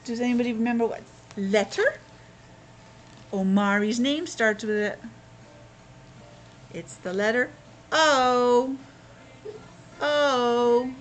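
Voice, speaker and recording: Slowly and with long pauses, a fairly high-voiced woman teaches young children in a playful, exclamatory interactive lesson, asking questions and sounding out words. She's a preschool teacher, and a little hiss or hum sits under the audio.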